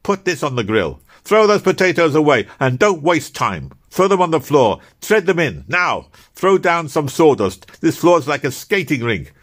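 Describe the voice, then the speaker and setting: A man's voice: fairly high pitch, big pitch swings, normal speed, few pauses, fairly bright tone, voice pushed up. A man voicing a bossy, nagging female cook who barks scolding orders in a kitchen.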